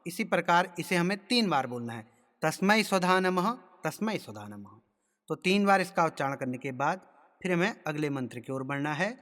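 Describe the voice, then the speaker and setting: A man giving a step-by-step ritual lesson, explaining rules in a measured way and chanting mantras slowly. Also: on the high side, lively intonation, fairly bright tone. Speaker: ritual instructor. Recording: long reverb.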